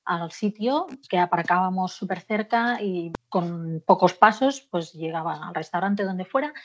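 A woman's voice: fairly low pitch, measured pace, dull audio, slight background noise. A woman being interviewed about her own life, speaking frankly with frequent fillers and occasional laughter. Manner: warm and frank, laughs often, hesitant fillers. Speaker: guest, author of a memoir. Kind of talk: candid personal interview.

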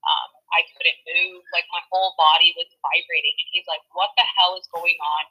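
A woman's voice: lowish voice, steady tone, normal speed, husky. A woman guest telling a personal story in casual chat, rambling with many fillers and acted-out quotes. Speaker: podcast guest, spiritual healer. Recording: tinny phone line.

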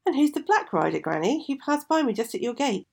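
A woman's voice: sits high, very animated, fairly quick, gravelly, a little mellow, husky, voice pushed up, heavily acted. A woman doing a timid young storybook girl. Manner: timid, respectful. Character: frightened, polite young girl.

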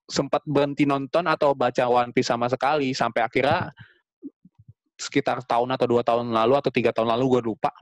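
A man's voice: medium pitch, fairly even intonation, fast talker, no room sound. A man co-hosting a podcast, chatting in slangy speech and telling stories with quoted asides. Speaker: podcast co-host. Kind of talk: casual chat.

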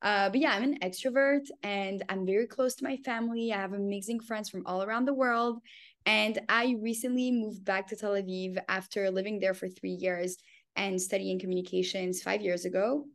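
A woman in her twenties, born in France and raised in Canada, is a guest on a casual podcast interview. She gushes with enthusiasm and laughs a lot. Her voice is mid-range and steady, at a normal speed.

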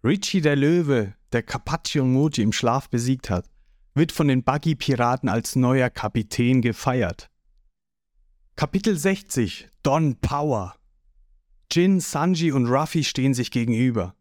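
A man narrating an audio manga reading with slow, deliberate storytelling. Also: mid-range voice, expressive, a little mellow, dry recording, clean studio sound.

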